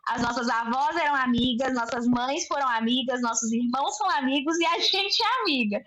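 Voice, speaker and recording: High-pitched mineira woman telling stories on a podcast from home, acts out everybody she quotes. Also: a little fast, highs cut off. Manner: animated storyteller acting out quoted dialogue. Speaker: guest. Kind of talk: casual podcast chat. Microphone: remote recording at home.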